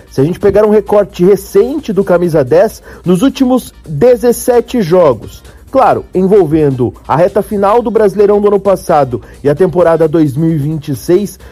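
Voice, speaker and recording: Male Brazilian radio sports reporter, high register, soft-edged tone, light music bed.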